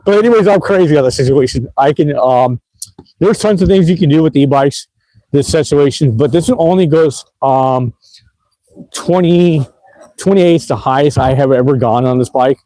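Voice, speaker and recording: Riding an e-bike through the city at night, a man casually narrates his livestream, rambling and relaxed with plenty of fillers and laughter. His mellow voice sits on the high side at normal speed. The recording is rough, with no room sound.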